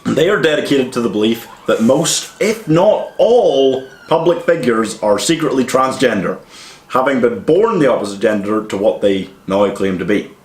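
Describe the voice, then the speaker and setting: A man's voice: mid-range voice, animated, moderate pace. A young man with a mid-range voice talks in an echoey room. He hosts a comedy show in a casual, rambling way, delivering things with mock earnestness and free swearing. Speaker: comedy podcast host. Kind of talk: casual comedic banter with read-out stories.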